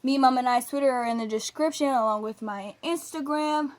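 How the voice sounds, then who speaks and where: Young female vlog host, high-pitched, casual chat, faintly noisy home video. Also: brisk.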